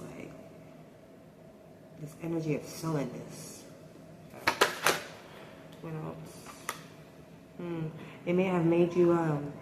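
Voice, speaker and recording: A woman giving a casual tarot reading, thinking aloud and hesitating often. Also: low voice. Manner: hesitant, thinking aloud with many ums and likes. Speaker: tarot reader. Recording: echoey room with faint noise.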